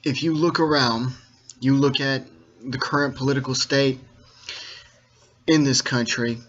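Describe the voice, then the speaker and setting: A dull, lo-fi recording of a man with a mid-pitched voice talking straight to his viewers. He lectures informally, breaking his sentences into halting, deliberate phrases. Key words get firm stress, and he likes to make sure the point has landed. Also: steady tone, a bit bright. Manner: didactic, checks that listeners follow. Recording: dull, lo-fi sound.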